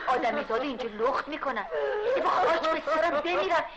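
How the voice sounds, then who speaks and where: A woman's voice: high voice, animated, highs cut off, heavy background noise. An actress playing an older mother who exclaims over her daughter's plight and scolds her for it. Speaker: mother of the wife. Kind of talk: 1970s film acting.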